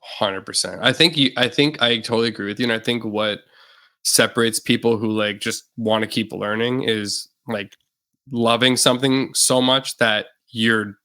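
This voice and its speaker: Speaking at a moderate pace in a mid-range voice, a young Canadian musician chats loosely as a podcast guest. It's a casual interview, and he's relaxed and rambling, leaning on plenty of fillers.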